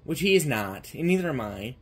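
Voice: mid-range voice, very animated, fairly quick, husky. A puppeteer voicing a chatty, breezy creature puppet who lectures about nonconformity in a puppet comedy sketch.

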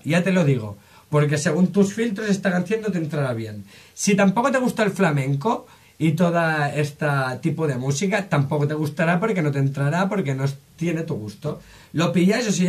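A man's voice: fairly high pitch, slightly rough. A man with a Spain Spanish accent, explaining ideas in a chatty vlog and often asking rhetorical questions. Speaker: music and psychology video creator.

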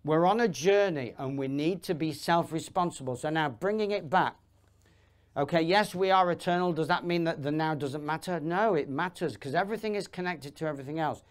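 A man giving a live seminar talk, emphatic and rambling, with restarts and asides, swinging between loud bursts and low asides. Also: fairly quick. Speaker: seminar speaker. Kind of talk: live motivational talk to an audience.

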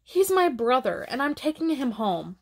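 A woman voicing a bossy, excitable little girl in a storybook read-aloud. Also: high voice, moderate pace, gravelly, breathy edge, full character voice. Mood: firm.

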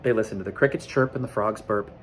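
Reading a picture book aloud with expressive delivery and explanatory asides, this forty-something American teacher speaks fast in a lowish voice. He's in an indoor school classroom, recorded on a camera or phone from a short distance.

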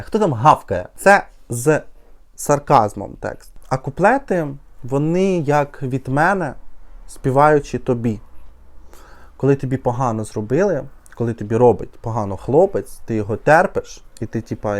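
A man's voice: medium pitch, darkish tone. A Ukrainian man hosts a casual reaction vlog as a music critic. He rambles, chats freely and slips sarcastic asides into his commentary.

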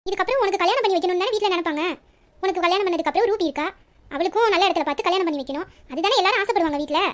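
A woman's voice: extremely high pitch, rapid-fire. A woman voicing a young woman who keeps pressing her best friend with insistent questions. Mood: coaxing. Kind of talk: audio story reading.

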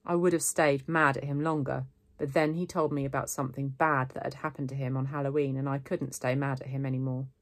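A woman's voice: rumbling low, brisk. A woman with an English accent, a primary school teacher reading a children's novel aloud in the first person. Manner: first-person storytelling, steady and lively.

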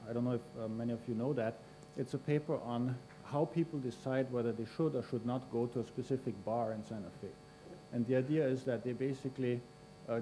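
A man from Austria, acting as conference host, introduces a speaker in a large university lecture hall, filling his speech with fillers. Through the lectern microphone his mid-range voice sounds warm, with slight background noise.

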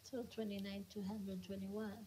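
Woman student, soft dark tone, halting and unsure, thinks aloud through each entry. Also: mid-range voice, little pitch movement, slight background noise, poor audio. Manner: hesitant, halting non-native phrasing. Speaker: accounting student. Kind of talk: casual one-on-one tutoring.

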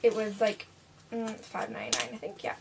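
Speaking a little fast in a gravelly, mid-range voice with little pitch movement, this young Canadian vlogger rambles chattily through a haul video, full of fillers. She's in a small bedroom, recorded by a webcam mic at desk distance that adds faint hiss.

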